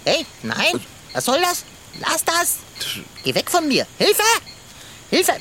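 A woman's voice: medium pitch, huge pitch swings, a little slow, a little hiss or hum. A woman voicing a fat, pompous, always hungry male tomcat in a children's radio play, talking in a dry, lofty, sarcastic way. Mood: panicky.

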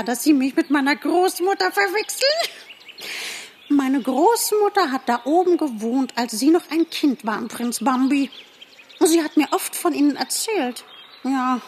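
A woman voicing a cheerful, talkative young squirrel in an audiobook, eager and polite. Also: slight background noise. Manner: eager, talkative, high and lively. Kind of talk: audiobook character voice.

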